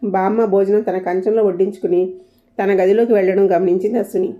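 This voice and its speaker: A woman narrating a story in a calm, steady storytelling manner. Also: medium pitch, brisk. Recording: dull lo-fi recording.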